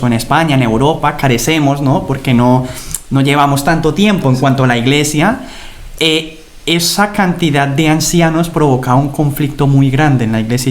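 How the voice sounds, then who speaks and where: A young man from Spain sits as a guest on a podcast. He speaks at a middle pitch and tells long personal stories in a thoughtful, unhurried way. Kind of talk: casual chat. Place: Germany.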